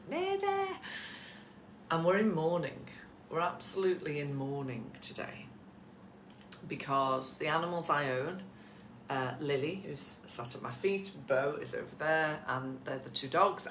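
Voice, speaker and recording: A woman's voice: low-pitched, pushed and bright, echoey room, a little hiss or hum. A woman coaching photographers in a casual live session from home, chatty and encouraging, addressing viewers by name. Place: at home with pets nearby.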